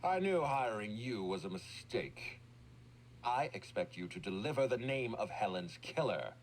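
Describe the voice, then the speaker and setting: A man's voice: on the low side, expressive, unhurried, slight background noise, rough recording. An actor playing an imperious, indignant businessman in a video game, speaking in a formal, commanding and exasperated way. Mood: indignant, stern.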